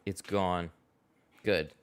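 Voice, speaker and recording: Chatty, laughing tint shop host. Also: male voice, sits low, steady tone, very slow, smooth. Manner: chatty, laughs often, answers viewer comments aloud. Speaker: window tint installer and livestream host. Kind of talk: casual livestream chat while working. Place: tint shop garage, indoors.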